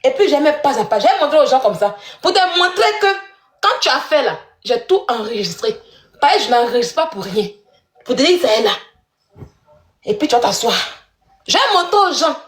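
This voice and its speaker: A woman's voice: sits high, big pitch swings, normal speed. A woman in a heated live-stream rant, accusatory and scornful, breaking into mocking laughs. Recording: roomy echo.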